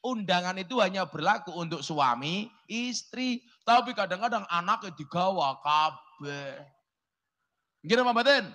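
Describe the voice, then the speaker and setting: Bright high-voiced joking Javanese preacher. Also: male voice. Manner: joking, chats with the audience, slips into Javanese. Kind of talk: humorous sermon to a village crowd.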